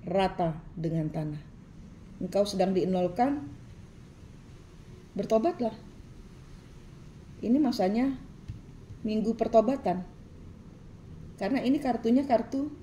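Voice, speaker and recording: A woman's voice: mid-range voice, mellow, slight background noise. A woman tarot reader, giving a preachy, scolding reading full of repetition.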